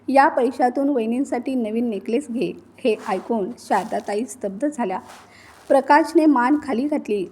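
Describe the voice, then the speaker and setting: A woman narrating an emotional storybook tale in a steady reading voice. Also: mid-range voice. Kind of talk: scripted narration.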